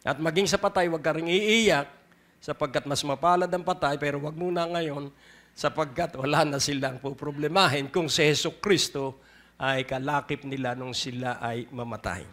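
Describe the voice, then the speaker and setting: A Filipino man with a Filipino accent preaching a sermon, repeating key lines and switching between Tagalog and English, dropping to a hush and then rising to loud emphatic bursts. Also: on the high side, moderate pace. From Philippines. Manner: swings from hushed to loud emphatic outbursts. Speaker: pastor. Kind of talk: sermon with prayer.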